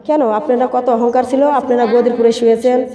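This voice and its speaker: Woman preacher half-singing a sermon, high mellow voice, big echoey hall. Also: fairly even intonation, a little fast. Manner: sing-song chanting, calls out to the women listening. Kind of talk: sermon with chanted passages.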